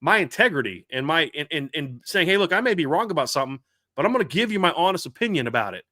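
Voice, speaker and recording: A man hosting a live sports talk show, talking in an animated, rambling way with frequent restarts. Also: on the high side, quick pace, no echo, studio quality. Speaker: podcast host.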